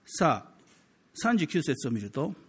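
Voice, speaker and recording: Husky-voiced man preaching a sermon. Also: fairly high pitch, big pitch swings, a little slow. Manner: emphatic preaching with swells in volume; conversational asides to the congregation. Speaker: pastor.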